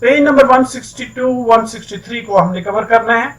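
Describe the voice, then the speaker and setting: A man teaches English in a recorded online lecture, his voice sitting on the high side. He sounds set back from the microphone. He explains patiently and keeps mixing English phrases into his talk. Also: a little fast, fairly bright tone, far from the mic, poor audio. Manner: explains step by step, keeps saying "ठीक है".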